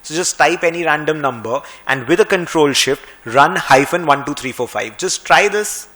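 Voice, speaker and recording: Here a male finance and Excel coach with an Indian English accent talks over a recorded screen tutorial. His voice sits slightly high and is expressive, and he moves briskly in a conversational style with a dash of sarcasm.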